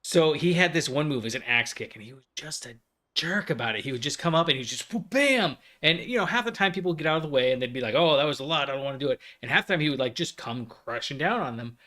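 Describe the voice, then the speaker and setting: A man's voice: on the high side, animated, fast, bright, forceful tone. Male let's-play host, rambling storyteller, casual gameplay chat.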